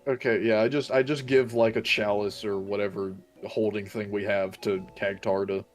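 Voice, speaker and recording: A man's voice: lowish voice, flat delivery, normal speed, soft background music. A man chatting casually as a player in a tabletop fantasy game, explaining things patiently. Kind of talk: casual in-character game chat.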